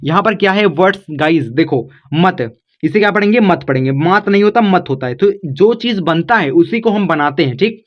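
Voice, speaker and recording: A man's voice: on the high side, animated, normal speed, muffled recording. A man teaching a spoken tutorial lesson, explaining patiently and checking in after every step. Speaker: English teacher.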